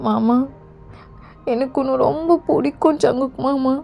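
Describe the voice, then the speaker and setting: A woman voicing a gentle young queen who pleads softly with her husband in a fan audio drama, over faint music. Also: high-pitched, unhurried, gravelly. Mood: pleading.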